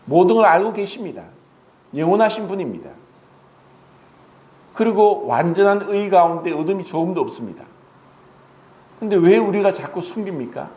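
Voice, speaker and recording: A man's voice: sits high, lively intonation, normal speed, pauses often, a little mellow, roomy sound, low-quality recording. A male pastor preaching a dramatic sermon in a church, acting out the quoted words of the story. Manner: dramatic, voices Jesus and Peter in quotes.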